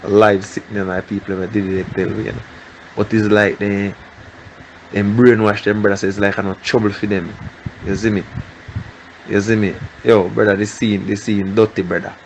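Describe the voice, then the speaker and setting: A man's voice: little pitch movement, normal speed, a little hiss or hum, rough recording. Jamaican man on a played voice message. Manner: low-key, repetitive, keeps addressing the listener as brother. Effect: played back as a recorded voice message. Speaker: witness. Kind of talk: informal account in a voice note.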